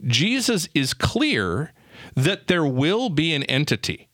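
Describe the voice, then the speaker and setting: Animated man on a dry-sounding podcast. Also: on the high side, takes it slowly, dry recording. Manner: animated, acts out quotes, many restarts. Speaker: podcast co-host. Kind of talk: casual theological discussion.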